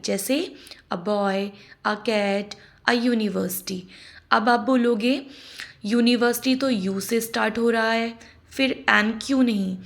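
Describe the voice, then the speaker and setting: A woman with an Indian accent teaching an English grammar lesson, deliberately spelling out each example sentence. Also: fairly high pitch, gravelly. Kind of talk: scripted explainer lesson.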